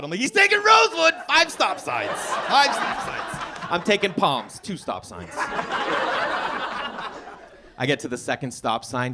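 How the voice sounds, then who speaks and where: A man doing a stand-up comedy set, telling a story with animated delivery and sudden high shouted quotes. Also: noisy background. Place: comedy show venue with audience.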